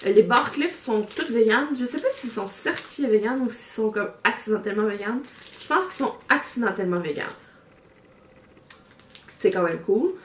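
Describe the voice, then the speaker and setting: A woman's voice: a little high, lively intonation, moderate pace. A woman with a Québécois French accent chatting casually through an unboxing, rambling with lots of fillers and restarts, recorded on a camera mic. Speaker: vlogger reviewing a subscription box. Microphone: camera microphone. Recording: echoey room with faint background noise.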